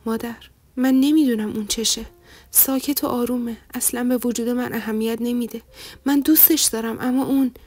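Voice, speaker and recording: A woman voicing a patient, hurt young husband who asks gentle questions. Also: a little high, flat delivery, no echo, lightly acted.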